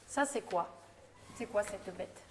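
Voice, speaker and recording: A woman's voice: mid-range voice, takes it slowly, slight background noise. A woman teaching young children in class, speaking patiently, prompting with questions and repeating their answers back. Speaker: primary school teacher.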